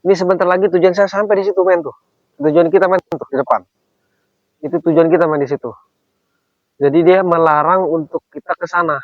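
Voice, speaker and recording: Man, vlogger, outdoors, fast talker, insistent questions, exasperated sighs, dull lo-fi sound. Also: on the high side, steady tone, no room sound. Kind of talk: confrontational vlog on the move. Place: outdoors on a hill trail.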